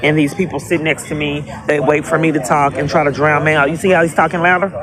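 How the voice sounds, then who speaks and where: A woman phones police dispatch pleading for help, insistent and repetitive, tending to talk over the other person. Her voice is low-pitched and fast with a flat delivery, and crowd noise can be heard.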